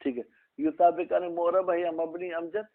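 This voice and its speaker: A man teaching an Arabic grammar class, explaining slowly and quizzing his students by name. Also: high-pitched, flat delivery. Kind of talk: classroom lesson, questioning students. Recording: tinny phone-like recording.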